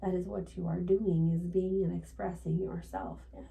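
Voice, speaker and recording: Woman channeling a formal, creaky-voiced spirit guide, seance medium. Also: on the low side, level tone, normal speed, dark tone, recorded from a distance, rough recording. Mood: serene, instructive. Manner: formal, stilted phrasing, frequent tag "yes?".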